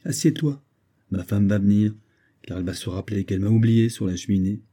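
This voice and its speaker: A man's voice: fairly low pitch, fairly quick, warm tone, slightly rough. A man reading aloud, voicing a cheerful talking bust of an old army friend, jovial and teasing.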